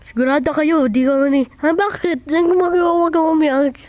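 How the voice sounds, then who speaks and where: A woman performing a one-person comedy skit, excitable and whiny, often yelping and shouting. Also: high-pitched, a little fast, no echo. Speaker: skit creator.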